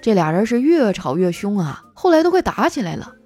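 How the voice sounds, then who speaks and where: Animated chatty woman telling funny stories. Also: medium pitch, a little fast. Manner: chatty, playful, acts out quoted coworkers. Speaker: host. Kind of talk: comic storytelling monologue. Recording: faint background music.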